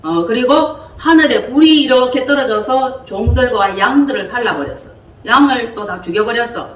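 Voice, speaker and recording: A woman leading an interactive Bible lesson, talking in a lively, colloquial way and quizzing her listeners. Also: on the high side, moderate pace. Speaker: Bible teacher. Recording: echoey room from far off, faint hiss.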